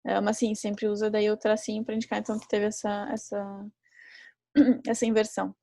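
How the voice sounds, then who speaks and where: A woman teaching a live online class who explains patiently and repeats each example slowly. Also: medium pitch, monotone, creaky, warm tone, no room sound. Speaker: French teacher.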